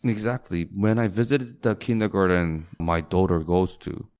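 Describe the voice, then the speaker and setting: This interview guest is a startup founder raised in Singapore, speaking casually in a low, slightly mellow voice at a moderate pace. He often starts phrases over, and when he quotes someone he lightens his tone.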